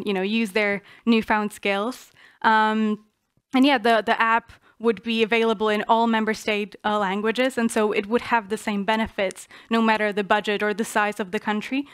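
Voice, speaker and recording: Smooth-voiced young woman from Czechia. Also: medium pitch, fairly bright tone, dry recording, studio quality. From Czech Republic. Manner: earnest, many fillers and restarts. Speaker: student panelist. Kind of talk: panel presentation.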